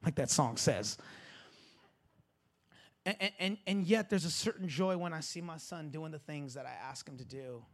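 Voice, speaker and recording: A man in his forties, a pastor preaching a sermon in a repeating, rising cadence that climbs toward shouting. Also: on the high side, normal speed, long pauses. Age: 40s. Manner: builds to near-shouting, repetitive preaching cadence.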